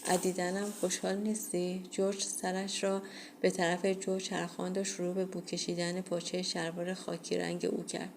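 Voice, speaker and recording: A woman reading a first-person horror audiobook in a steady, measured way. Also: fairly low pitch, gravelly, slight background noise. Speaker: audiobook reader.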